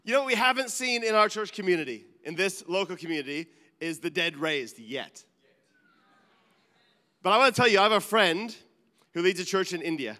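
A male pastor delivers an earnest sermon in a high, bright, clear voice, rising to emphatic peaks and slipping into asides. He speaks briskly with big swings in pitch and frequent pauses. A long reverb carries his words, as if he were in a large church hall.

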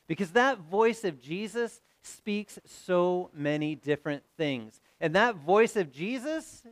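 A man preaching a sermon as pastor, in a conversational style that swings from loud to soft. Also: high-pitched, no echo.

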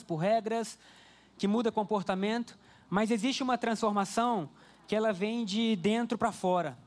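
Pastor, male, unusually high voice; lively, chatty preacher telling stories to his church. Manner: lively storyteller, speaks directly to the congregation. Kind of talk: conversational sermon with personal stories. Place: church service before a congregation.

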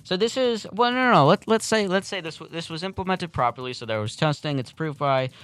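A man's voice: a little high, expressive, fast, a bit bright, dry recording. A man hosting a casual morning radio interview in a studio, questioning his guest and pushing back on the answers, his voice rising when he is worried. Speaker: radio show host.

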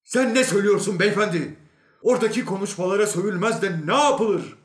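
A man's voice: high voice, fairly quick, pitched above the performer's own voice, natural voice. A man voicing a hot-headed man who swears defiantly in a storybook reading. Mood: brash, defiant. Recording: echoey room.

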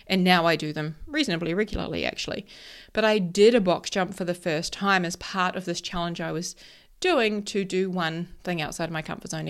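Informal, emphatic woman with broad Kiwi accent. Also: fairly low pitch. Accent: broad New Zealand. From New Zealand. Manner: informal, sweary, emphatic, checks in with rhetorical questions. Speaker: mindset coach and presenter. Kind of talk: casual motivational talk with personal anecdotes.

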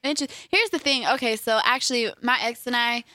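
A young woman with a high, bright voice chats and laughs through her stories. She acts out what she and others said with lively quoted lines. The sound is close and dry. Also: a little fast, no room sound. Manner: giggly, animated storytelling, quoting herself. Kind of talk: casual chat.

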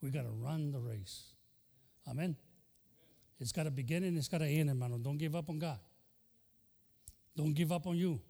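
Older pastor preaching passionately in a hall. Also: male voice, a little high, measured pace, creaky, long pauses, warm tone. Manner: impassioned, switching between Spanish and English. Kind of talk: bilingual sermon.

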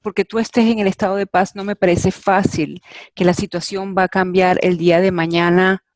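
A woman's voice: fairly low pitch, little pitch movement, moderate pace, darkish tone, no echo. A woman on a talk panel voicing doubts in a hesitant, thinking-aloud way. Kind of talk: talk show discussion.

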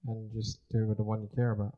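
A man's voice: lowish voice, monotone, rapid-fire. A man co-hosting a podcast, signing off in a casual way. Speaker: podcast co-host. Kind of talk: casual sign-off. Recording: dull lo-fi sound.

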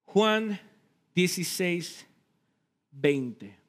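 High-voiced, slow-speaking man preaching. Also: expressive. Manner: emphatic preaching with swells in loudness and repeated words. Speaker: pastor. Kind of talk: sermon.

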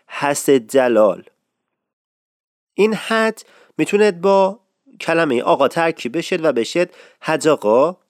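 A man giving a casual spoken lesson on dialect forms of address, repeating key words slowly for emphasis. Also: mid-range voice, no echo, studio quality. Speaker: dialect teacher.

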